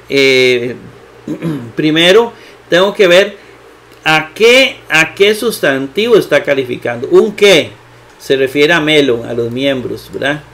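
A man walks through a grammar lesson in a slightly raised voice. He talks unhurriedly, repeating key terms, filling pauses with hesitations and checking in with rhetorical questions. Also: fairly high pitch, fairly bright tone. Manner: slow, repetitive, with many fillers and rhetorical questions. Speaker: Bible teacher.

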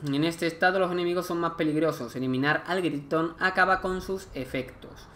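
Brisk and fairly bright, this man's high-leaning voice carries a let's play session where he talks and reasons aloud. As the gameplay commentator, he also reads on-screen game text as he goes.

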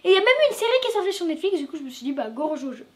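A woman's voice: high-pitched, expressive, very fast, a little mellow. A woman gaming YouTuber giving casual let's-play commentary, chatty and loose, with plenty of fillers and restarts.

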